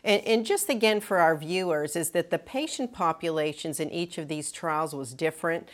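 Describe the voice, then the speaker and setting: A woman's voice: low-pitched, moderate pace. A woman clinician speaking on a medical panel, explaining treatment guidelines earnestly with frequent fillers and restarts.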